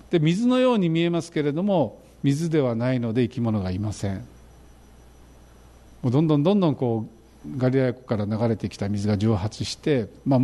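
A middle-aged man preaching a sermon, animated and fervent, describing travel photos to his congregation. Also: a little high. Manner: animated, rising to fervent emphasis. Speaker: pastor.

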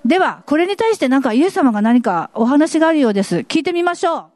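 Woman, polite interviewer, mock street interview, explaining scripture, high pitch, dry. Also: sing-song, fast, a little mellow, dry recording. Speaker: skit reporter and Bible teacher.

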